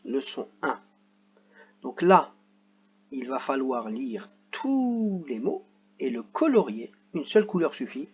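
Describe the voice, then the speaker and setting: A man's voice: mid-range voice, big pitch swings, slow, a little mellow, slightly rough, muffled recording. A man teacher explaining reading worksheets to children, with playful joking asides.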